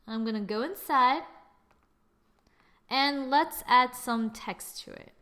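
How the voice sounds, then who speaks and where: This software tutorial presenter is a young woman with a fairly high voice, talking slowly through a screen-recorded lesson on what sounds like a desk computer microphone. She is chatty and self-mocking, thinking aloud while she clicks and teasing her own results.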